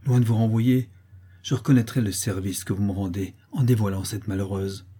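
A man's voice: on the low side, fairly even intonation, fairly quick, warm tone, breathy edge. A man voicing a proud farm mistress and mother, exclaiming in indignation, for a storybook reading. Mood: stern.

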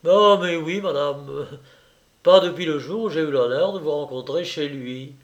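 A man's voice: a little high, a little slow, highs cut off, close to an everyday voice. A man voicing a shy, courteous young artist who answers in polite, formal phrases.

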